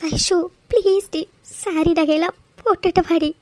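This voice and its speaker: A woman's voice: very high voice, steady tone, normal speed, no room sound. A woman voicing a young woman who is recovering from burns in a cartoon; she pleads through tears. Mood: pleading tearful. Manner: pleading, crying. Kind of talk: cartoon voice acting.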